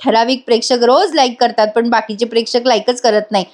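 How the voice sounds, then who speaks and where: A woman narrates a voice-over review of a TV serial episode in a chatty, teasing way. She talks straight to her viewers. Her voice sits fairly high. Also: fairly even intonation, fast.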